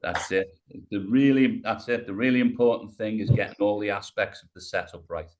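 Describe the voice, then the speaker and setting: Lowish, a little mellow and fairly quick, this man's voice arrives through poor webcam audio. He is a British rehabilitation coach in his 50s, coaching on a video call from the floor of a room at home. Encouraging and patient, he cues the client through every movement one step at a time, saying "mate."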